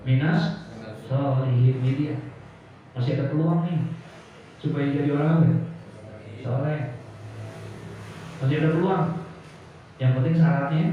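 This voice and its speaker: In a prayer room, a male preacher delivers a casual sermon, quizzing the congregation with questions and acting out different voices. His voice is a little high and a little mellow. The recording is echoey, dull, and distant, with slight background noise.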